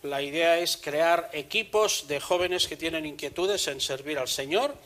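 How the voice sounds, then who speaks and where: A man preaching a sermon in church, measured and earnest, also reading scripture aloud. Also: on the high side, a bit bright, rough recording.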